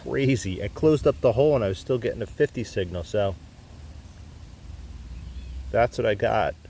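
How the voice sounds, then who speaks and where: Faint outdoor noise sits behind a man with a fairly low voice. He narrates casually like a hobbyist vlogger out in the field. His delivery is a bit tentative, as if thinking aloud. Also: lively intonation, moderate pace, mellow. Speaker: metal detecting hobbyist showing finds. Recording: clear outdoor background noise.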